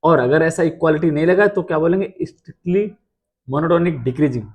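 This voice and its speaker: A man's voice: fairly high pitch, fast talker, lo-fi sound. A man teaching math in an explanatory lecture, asking rhetorical questions and answering them himself.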